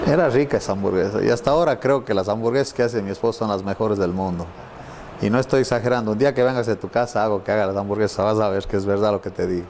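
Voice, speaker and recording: A man's voice: on the low side, racing, a little hiss or hum. A middle-aged man leading a conversational Bible lesson, telling stories and acting out the voices he quotes. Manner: animated storyteller, acts out quoted voices. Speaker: Bible class teacher.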